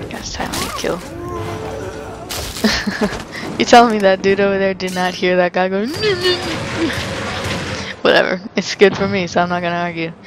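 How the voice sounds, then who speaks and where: A young woman hosting a let's play chats and rambles casually as she plays a video game, laughing frequently. Her medium-pitched voice is expressive and moves at a moderate pace, with her commentary heard over game sounds and background noise.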